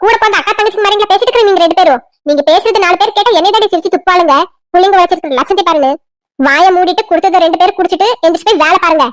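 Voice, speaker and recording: Woman voicing a village mother, cartoon, Kanyakumari Tamil accent, brisk and scolding, extremely fast talk. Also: extremely high pitch, dry recording, studio quality.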